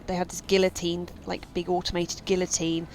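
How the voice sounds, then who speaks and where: A woman's voice: fairly low pitch, monotone, brisk, a little mellow, a little hiss or hum, rough recording. A woman rambling casually while streaming a game, full of fillers and asides. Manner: rambling, chatty, many fillers. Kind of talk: casual let's-play chat.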